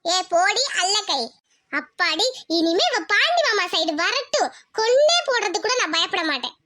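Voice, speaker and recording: A woman's voice: very high-pitched, big pitch swings, normal speed, pushed and bright, exaggerated voice. A woman voicing an arrogant rich village girl in a cartoon, taunting and threatening her rival. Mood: scornful. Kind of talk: cartoon voice acting.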